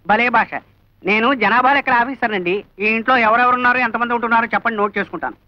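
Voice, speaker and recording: An actor playing a flustered middle-aged census officer in a film comedy, with excitable comic patter. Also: male voice, very high-pitched, fast, muffled recording.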